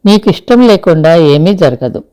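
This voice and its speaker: A woman voicing a kind young husband who speaks softly and reassuringly in an audio story. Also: on the low side, expressive, moderate pace, natural voice. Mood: gentle. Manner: soft, reassuring.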